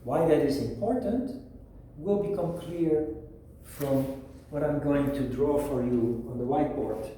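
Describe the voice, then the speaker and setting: A man teaching a yoga philosophy lesson, explaining at a whiteboard in a measured way with pauses. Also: on the high side, mellow, a little hiss or hum. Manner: slow, measured, with pauses and restarts. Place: room with a whiteboard. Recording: echoey room, mic at a distance.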